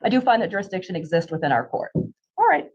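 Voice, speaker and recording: A woman presiding as a judge at a hearing, brisk and authoritative, heard over a video conference call. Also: medium pitch, sing-song, a little mellow. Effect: video conference call audio. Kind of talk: formal court hearing. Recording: dull, muffled call audio.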